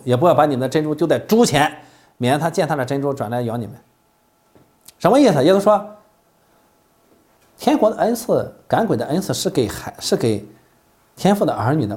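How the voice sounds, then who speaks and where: A man preaching a sermon with a fairly high voice that swings widely in pitch. He keeps putting rhetorical questions to his listeners and coughs here and there. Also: a little mellow.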